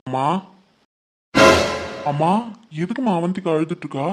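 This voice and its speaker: A man plays a caring adult son in a family drama. His voice is slightly raised, and he talks in a gentle, reassuring, even way. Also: a little high, normal speed, heavy background noise, natural voice.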